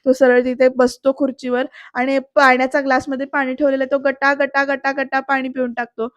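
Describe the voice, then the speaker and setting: High-voiced woman recapping a TV episode. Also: fairly quick, no echo. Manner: lively storytelling, addresses viewers directly. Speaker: serial reviewer. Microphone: close voice-over mic.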